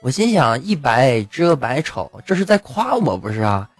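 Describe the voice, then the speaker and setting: Guy hosting his own podcast, goofy and self-mocking, chuckles through his lines, mid-pitched voice, soft music behind. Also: sing-song, moderate pace, no echo. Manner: playful and self-mocking, often laughing mid-sentence. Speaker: podcast host. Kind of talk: unscripted comic monologue. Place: home, recording alone at night.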